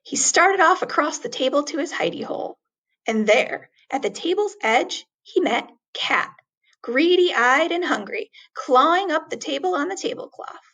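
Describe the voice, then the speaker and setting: A woman with a high, bright, expressive voice reads a children's story aloud, stressing words with deliberate, dramatic emphasis.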